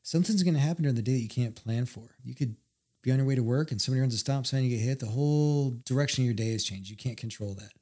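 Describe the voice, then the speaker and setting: A man talks fast and loose on a podcast, his voice a little husky. He tells stories with energy and acts out the lines of the people in them. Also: medium pitch. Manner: animated storyteller, acts out quotes. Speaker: podcast guest. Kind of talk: casual storytelling conversation.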